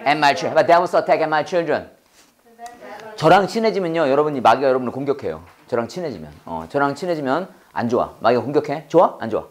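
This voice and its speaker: In a Bible English class, a fairly quick-talking man with a somewhat high voice has students repeat after him and quizzes them. His manner is animated and talkative, broken up by frequent laughs.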